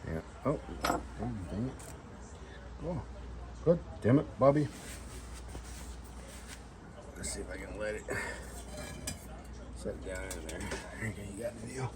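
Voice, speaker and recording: A man's voice: lowish voice, lively intonation, measured pace, long pauses, background noise. A man chatting casually as an outdoor vlogger while he works, a bit tipsy and loose, self-deprecating and salty-tongued. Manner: tipsy, loose drinking talk. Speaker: outdoor vlogger demonstrating fire starting. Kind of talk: casual rambling chat while doing a task.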